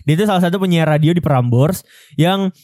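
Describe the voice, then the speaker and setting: A man's voice: fairly high pitch, fairly quick, mellow, dry recording, clean studio sound. A young man with a Jakarta accent hosting a podcast, telling a story in slangy, joshing chat and often repeating his phrases. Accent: Jakarta Indonesian. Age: young adult. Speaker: podcast host.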